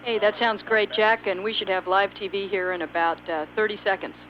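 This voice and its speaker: A woman working as capsule communicator, answering in brisk, clipped radio procedure over a radio transmission. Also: mid-range voice, fairly even intonation. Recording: lo-fi, noisy radio link.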